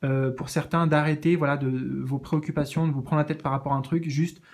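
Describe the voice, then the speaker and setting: A man with a slightly high voice reads spiritual cards in a casual, soothing way. He stumbles and restarts often, filling pauses while he searches for the right words. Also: fairly even intonation. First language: French. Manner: hesitant, searching for words, many fillers; gentle, reassuring. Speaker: tarot card reader. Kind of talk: casual spiritual card reading.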